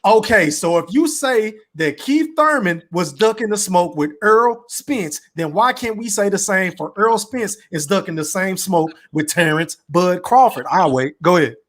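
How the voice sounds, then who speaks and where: A man with a distinctly high-pitched voice argues in a casual sports debate. He challenges with pointed questions and needles his opponent in loose, teasing slang. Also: animated, moderate pace, hardly any pauses, fairly bright tone. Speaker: debater questioning others on a boxing talk show.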